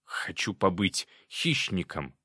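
A man voicing an excitable, demanding little male demon spirit in a storybook reading, loud and panicky. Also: low-pitched, slow, breathy edge, no room sound, studio quality, exaggerated voice. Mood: excited.

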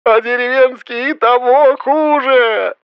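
A man's voice: expressive, moderate pace, no room sound, highs cut off. A man reading an audiobook, voicing a fretful, snobbish middle-aged mother who wails and pleads. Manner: wailing, pleading, high-pitched.

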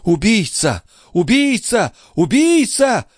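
A man voicing a proud young noblewoman, distraught and furious, crying out in a raised falsetto. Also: expressive, fairly quick, dry recording, clean studio sound, close to an everyday voice. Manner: shrieking, sobbing cries in a raised falsetto. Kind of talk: dramatic audiobook reading.

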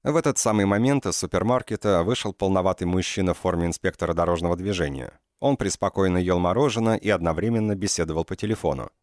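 A man narrating an audiobook in a measured, ironic storytelling manner. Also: deep voice, darkish tone, no room sound, studio quality. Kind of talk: scripted narration.

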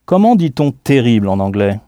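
With a mellow, mid-range voice that swings widely in pitch, a man gives a scripted audio language lesson on a dry recording. His pronunciation modelling is slow and deliberate, and he spells words letter by letter.

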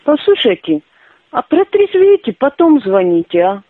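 A woman's voice: sits high, big pitch swings, moderate pace. A woman answering calls at work, stern and scolding toward the caller. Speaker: call recipient at a workplace. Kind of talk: phone conversation. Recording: tinny phone line.

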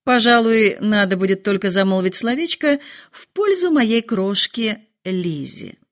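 A dry, quietly teasing middle-aged husband answers with calm irony, voiced by a woman reading aloud. His lines keep a lively lilt despite the deadpan wit. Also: mid-range voice, measured pace, lightly acted. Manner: dry, calm, mildly ironic.

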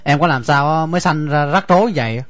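A man voicing a stubborn young village husband with a Southern Vietnamese accent, stammering and halting as he pleads. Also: on the high side, a bit bright, no room sound, natural voice. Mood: pleading. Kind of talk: radio drama acting. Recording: dull dry lo-fi recording, faint music.

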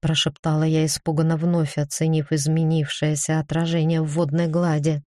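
A woman narrating a first-person fantasy audiobook in an even, measured reading. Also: low-pitched, dry recording, studio quality.

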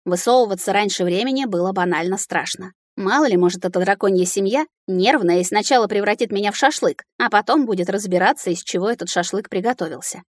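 A woman narrating a first-person comic fantasy audiobook in a lively, ironic way. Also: mid-range voice, fast talker, few pauses, dry recording, studio quality.

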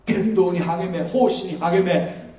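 A man's voice: high voice, takes it slowly, dark tone. A middle-aged male pastor preaching a sermon in a chatty, conversational way, often putting questions to his congregation. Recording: echoey hall, mic far off.

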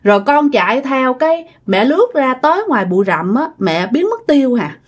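A woman's voice: high voice, very animated, brisk, husky, heavily acted. A woman with a Southern Vietnamese accent voicing a little boy who cries and pleads for his dead mother. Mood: sad recounting.

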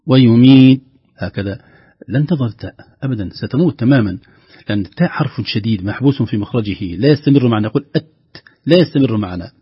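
Husky man teaching Quran recitation. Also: on the low side, no echo. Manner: explanatory, slowly chanting sample words. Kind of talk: tajweed lesson with recited examples. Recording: dry, dull lo-fi studio sound.

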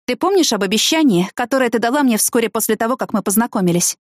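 A woman voicing a calm, firm adult woman who speaks slowly and clearly on the phone. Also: fairly high pitch, no room sound, studio quality, pitched above the performer's own voice, natural voice. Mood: threatening. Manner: slow, clear, coolly insistent.

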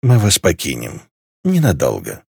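A man's voice: low voice, wildly swooping pitch, moderate pace, vocal fry, a little mellow, breathy edge, no room sound, voice pushed down, exaggerated voice. A man reading aloud voicing a languid, mocking nobleman marshal with a dry drawl. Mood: wry.

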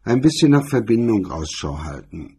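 Brief: a cool, lazy-sounding drifter, low and dark-toned, dry delivery, a man voicing him. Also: very animated, slightly rough, full character voice. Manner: drawling, dry, unhurried. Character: laconic, languid male stranger.

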